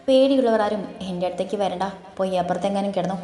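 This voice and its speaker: A brusque young husband, bossy and gruff, as a woman narrator puts him on. He scolds in a mellow, dark-toned voice. The room is echoey, with soft music behind. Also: medium pitch, fast, close to an everyday voice. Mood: irritated.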